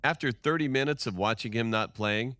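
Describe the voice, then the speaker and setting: A man giving a scripted first-person narration of a story in a steady storytelling delivery. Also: mid-range voice, brisk, dry recording.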